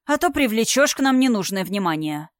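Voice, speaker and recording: A woman reading the part of a gruff, stern man who talks curtly and grumbles, in an audiobook. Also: on the high side, big pitch swings, a little fast, no echo. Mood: irritated. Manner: grumbling, curt. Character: gruff stern man, a wary traveling companion. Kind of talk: audiobook character voice.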